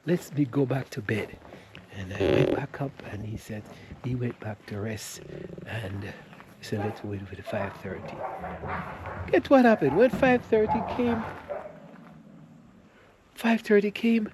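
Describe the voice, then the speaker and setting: A man vlogging on his travels, telling a long story with restarts and animated quoted dialogue. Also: mid-range voice, a little slow, long pauses, very noisy. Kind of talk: casual storytelling to camera.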